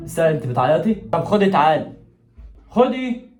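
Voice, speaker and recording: A man's voice: on the high side, a little fast, music in the background. A young man with an Egyptian Arabic accent hosting a casual prank vlog at home, teasing his sister with mock anger. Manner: teasing, animated, swings from mock anger to laughter.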